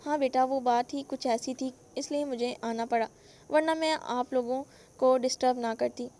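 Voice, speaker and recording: A woman voicing a kind middle-aged aunt who speaks softly and with concern in a spoken novel. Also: high voice, steady tone, natural voice. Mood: worried.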